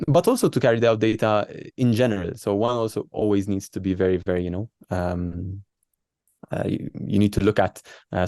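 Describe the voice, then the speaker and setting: Male doctor as interview guest. Low-pitched, dry recording, hesitant, conversational explainer. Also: a little mellow, dry recording. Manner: halting, hesitant phrasing with repeated words. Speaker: doctor and researcher being interviewed.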